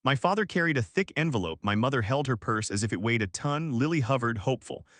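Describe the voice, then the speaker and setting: A man's voice: mid-range voice, expressive, fast talker, fairly bright tone, no echo. Man narrating a story, dry sound. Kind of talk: scripted first-person story narration.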